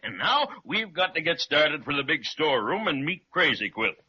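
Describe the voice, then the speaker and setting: Fatherly old Santa, hearty and lively, 1930s radio drama, muffled. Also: a little high, normal speed, breathy edge. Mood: jolly. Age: older. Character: jolly kindly old Santa Claus.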